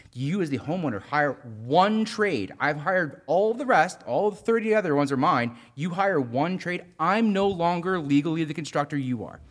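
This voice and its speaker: A Canadian man, a general contractor, ranting in a casual podcast chat and swearing freely. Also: fairly high pitch. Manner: swears a lot, heated ranting.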